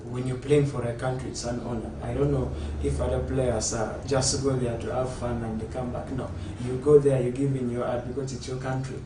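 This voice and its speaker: A man from South Sudan, a footballer, answering interview questions in an earnest, steady way. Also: medium pitch, a little fast, few pauses. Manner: earnest, steady, explaining at length. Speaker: footballer guest. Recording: echoey room, distant mic, ambient noise.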